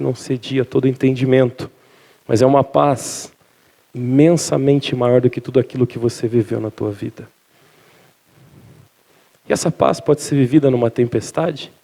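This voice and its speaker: A man's voice: medium pitch, creaky. A man preaching a sermon in church, telling jokes and stories to the congregation. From Minas Gerais, Brazil. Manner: lively storytelling with jokes to the congregation. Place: church service.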